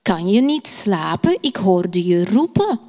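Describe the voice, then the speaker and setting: A woman voicing a gentle, reassuring father who comforts his son in a children's storybook tale. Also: mid-range voice, big pitch swings, takes it slowly, long reverb tail. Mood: soothing. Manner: soothing, reassuring. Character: gentle caring father, a former king.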